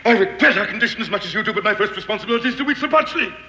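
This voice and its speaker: An actor playing a grandiloquent English gentleman devoted to a sun god, telling a curse with formal, theatrical diction in a 1960s TV western drama. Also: high-pitched, lively intonation, racing, slight background noise. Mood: haughty. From England. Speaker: fanatical Englishman guarding Aztec gold. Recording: echoey, dull 1960s TV soundtrack.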